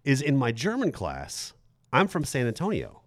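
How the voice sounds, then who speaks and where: A middle-aged man hosting a podcast, telling a self-deprecating story in an animated way. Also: mid-range voice, normal speed, dry recording. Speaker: podcast host. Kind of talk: storytelling chat.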